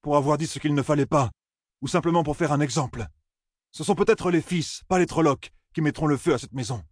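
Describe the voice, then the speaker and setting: A man reading an audiobook, voicing an earnest, forceful young village man who urges others with pleading, husky speech. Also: a little high, a little fast, no echo, clean studio sound, voice pushed up, natural voice. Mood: challenging. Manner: pleading, urgent persuasion.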